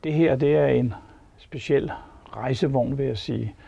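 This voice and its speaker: A man's voice: medium pitch, creaky, warm tone, slightly rough. An older man plainly giving his opinion on a caravan while seated inside it. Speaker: caravan reviewer. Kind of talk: casual product review. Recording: slightly dull recording.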